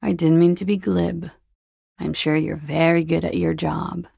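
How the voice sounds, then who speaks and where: Klaasje, husky, creaky, jaded flirt. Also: female voice, low-pitched, little pitch movement, unhurried, dark tone, no echo, studio quality, exaggerated voice. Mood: wry, polite. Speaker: video game character. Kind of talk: video game dialogue.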